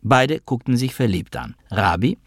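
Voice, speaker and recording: A man's voice: low-pitched, normal speed, dry recording, clean studio sound. A man narrating an audiobook in the first person, in a wry tone. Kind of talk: audiobook reading.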